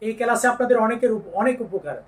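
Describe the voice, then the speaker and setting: Guy with a high voice slowly teaching arabic letter sounds, a bit far from the mic. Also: lively intonation. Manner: slow drawn-out demonstrations of letter sounds, patient instructions. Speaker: Quran recitation teacher. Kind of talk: step-by-step pronunciation lesson.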